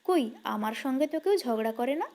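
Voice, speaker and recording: A woman's voice: high-pitched, animated, a little mellow. A woman voicing a pert young wife. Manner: quick, pert replies. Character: spirited young wife, teasing and stubborn.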